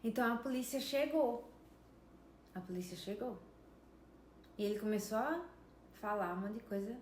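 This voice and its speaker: A woman's voice: a little high, lively intonation, moderate pace, darkish tone, a little hiss or hum. Emphatic Brazilian woman around fifty. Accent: Brazilian Portuguese. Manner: emphatic, often addresses viewers directly. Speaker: vlogger. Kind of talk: casual storytelling to viewers. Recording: echoey room with faint ambience.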